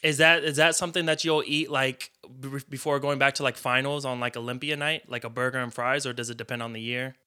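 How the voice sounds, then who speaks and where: A man hosting a podcast with a bright, crisp voice. He asks questions loosely and chattily, with lots of filler words. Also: mid-range voice, fairly even intonation, fairly quick, few pauses. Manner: casual, leans on filler "like". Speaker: podcast host. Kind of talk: casual interview.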